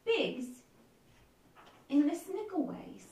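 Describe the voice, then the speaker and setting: A woman's voice: extremely high pitch, expressive, slow pace, dark tone, pitched above the performer's own voice, heavily acted. A woman voicing a young dwarven girl who bosses a gang of street kids, with a put-on Scottish accent and a brash, streetwise manner. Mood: conspiratorial. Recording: echoey room, distant mic.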